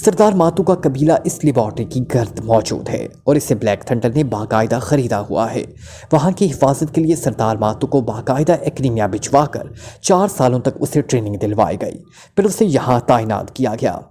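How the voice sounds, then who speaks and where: A man's voice: medium pitch, animated, normal speed, warm tone, slight background noise, close to an everyday voice. A man voices a terrified male club owner who stammers and trembles under interrogation, then talks on and on. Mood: talkative.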